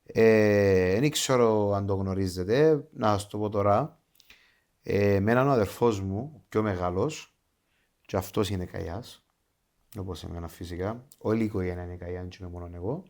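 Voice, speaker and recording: Low-pitched and somewhat dark in tone, a man with a Cypriot Greek accent talks easily as an interview guest. He's a pro wrestler, and his excitement shows as he peppers his Greek with English expressions.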